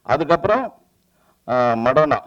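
A man, a film director giving an animated press meet speech and acting out the lines he quotes. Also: medium pitch, unhurried, dull audio. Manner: animated storytelling, acts out quoted dialogue.

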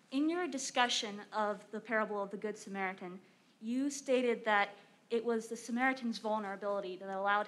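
A woman's voice: mid-range voice, fairly bright tone. A young adult woman, a student speaking through a face mask as she puts a polite, prepared question. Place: large event room, indoors. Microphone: standing microphone.

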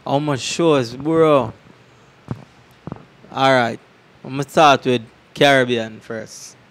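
A man with a medium-pitched voice and a Jamaican accent takes his time as an interview guest, a dancer recalling his tours. Speaking casually and emphatically in patois into a handheld microphone, he tells anecdotes and often checks that the listener is following. Background noise and ambience are clearly audible.

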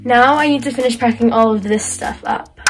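A woman's voice: fairly high pitch, brisk, loud music behind the voice. A teenage girl narrating a casual travel vlog, upbeat as she talks through her day's plans into a phone held at arm's length. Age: teens. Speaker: vlogger. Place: indoor rooms of a condo and a car.

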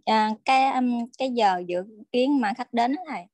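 A woman's voice: on the high side, normal speed, a little mellow, no room sound. A female student answering her teacher politely and with some hesitation.

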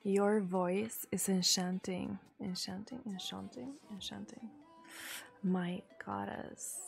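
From a small room, speaking into a desk mic on a boom arm, a thirty-something woman from Sweden reads viewer messages on her live stream, giggling and chatting with drawn-out pauses. Her Swedish-accented voice is steady in tone and creaky, with faint music in the background.

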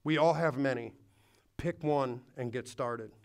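A male pastor delivers a sermon before a congregation in a church hall, pressing his listeners with earnest appeals and occasionally starting over. He speaks at medium pitch without hurrying.

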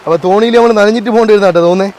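A male vlogger with a north Kerala Malayalam accent talks in a high register at a rapid clip. His delivery is colloquial and chatty, sprinkled with English slang, as he addresses viewers and puts questions to locals. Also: a little mellow. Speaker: vlogger, host. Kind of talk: casual excited vlog chat with questions to locals. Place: outdoors by a river and in a boat.

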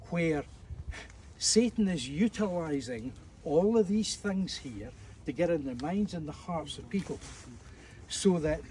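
An evangelist with a Scottish accent and a mellow, somewhat high voice gives an easygoing sermon to a tour group at ancient ruins. Jokes and filler words run through his talk, recorded outdoors from a distance with faint noise in the background.

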